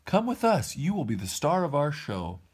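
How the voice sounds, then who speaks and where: A man voicing a greedy, bullying puppet master in a storybook read-aloud, loud and theatrical. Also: fairly high pitch, wildly swooping pitch, moderate pace, husky, pitched above the performer's own voice, full character voice. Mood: menacing.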